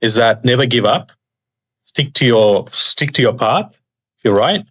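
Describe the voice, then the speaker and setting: A man's voice: mid-range voice, animated, a little slow, fairly bright tone, breathy edge, poor audio. A man interviewing a guest in an informal, encouraging, conversational way. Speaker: interviewer, host.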